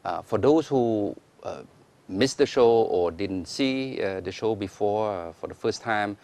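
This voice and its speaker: This is a middle-aged man hosting a television interview. His voice sits fairly low, and his delivery is formal but friendly, broken by frequent hesitations. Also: expressive, a little slow, a little mellow. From Cambodia. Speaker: talk show host.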